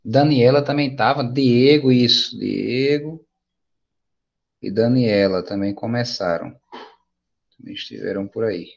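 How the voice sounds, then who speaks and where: A man with a Brazilian Portuguese accent leads an online English lesson, patient and encouraging in a relaxed, casual tone. His voice has a gravelly edge. The video-call audio sounds dull and lo-fi. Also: mid-range voice, unhurried, long pauses. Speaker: English teacher. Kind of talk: online class teaching.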